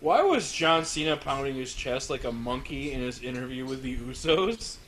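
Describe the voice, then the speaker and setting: A man's voice: medium pitch, lively intonation, normal speed, a bit bright, a little hiss or hum. A man co-hosting a casual podcast chat, wisecracking and reading out jokey questions. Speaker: podcast co-host.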